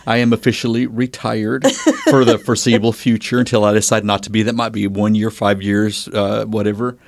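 A man's voice: fairly low pitch, little pitch movement, fairly quick, creaky, clean studio sound. An older man chatting in a natural, unscripted way as a co-host, exclaiming and echoing the other person's words. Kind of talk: natural unscripted casual chat.

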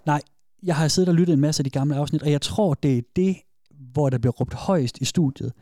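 Chatty man with a mellow, dry voice. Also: a little high, dry recording. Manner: chatty, agreeing often, prone to laughing. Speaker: podcast co-host. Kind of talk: casual podcast chat. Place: studio.

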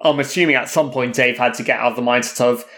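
A man's voice: medium pitch, fairly even intonation, fast, a bit bright. Man, thirties, podcast co-host, casual chat, emphatic, opinionated. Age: 30s. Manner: opinionated, emphatic, thinks aloud.

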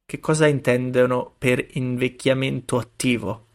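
A man's voice: mid-range voice, fairly even intonation, moderate pace, creaky. A man co-hosting a podcast in casual comedic chat, with an irreverent manner. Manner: irreverent, acts out imagined quotes. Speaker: podcast co-host.

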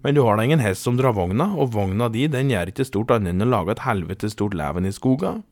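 A man voicing a bold, quick-tempered young woman who scolds loudly and cheekily. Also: lowish voice, expressive, no echo. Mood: scolding.

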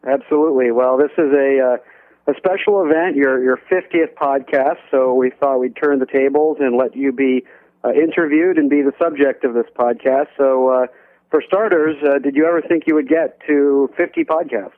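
Male guest host, casual interviewer, heard on a tinny low-quality stream, dry sound. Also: dry recording. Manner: relaxed questioning with halting restarts. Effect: low quality stream audio, tinny and phone-like. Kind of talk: conversational podcast interviewing.

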